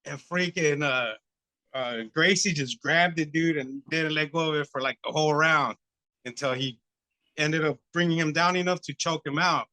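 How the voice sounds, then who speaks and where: A man's voice: a little high, normal speed, sharp tone, no echo. A man chatting enthusiastically on a podcast about old fights, saying "dude" often. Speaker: podcast guest. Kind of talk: casual chat.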